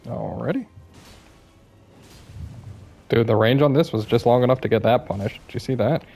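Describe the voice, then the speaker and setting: A man's voice: mid-range voice, normal speed, gravelly, darkish tone, soft background music. A young man giving casual, self-deprecating commentary over his gameplay, sounding a bit worn out and apologizing often. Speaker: gaming YouTuber.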